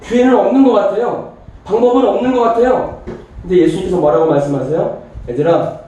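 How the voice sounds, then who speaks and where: A man's voice: sits high, quick pace, dark tone. A male pastor preaching a sermon and telling a story, acting out the people in it in their own voices. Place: church sanctuary. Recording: very echoey church hall from a distance.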